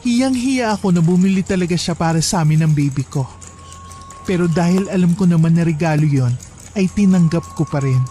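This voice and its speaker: A man narrating a first-person horror story in a calm, reflective storytelling manner. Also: a little high, a little fast, soft background music.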